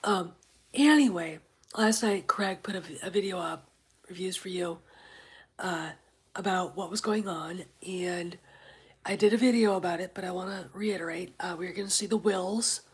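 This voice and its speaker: A woman hosts a casual livestream, a little stuffed up from congestion, rambling with lots of fillers and stopping to greet viewers in chat. Her voice is very husky and often near a whisper, fairly low in pitch, at normal speed.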